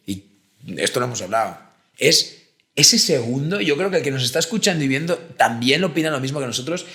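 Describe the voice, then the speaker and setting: A man, co-hosting a casual talk show and telling stories with lively acted-out quotes. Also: medium pitch, reverberant. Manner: animated storyteller, acts out quoted voices. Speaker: podcast co-host, therapist. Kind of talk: casual conversation.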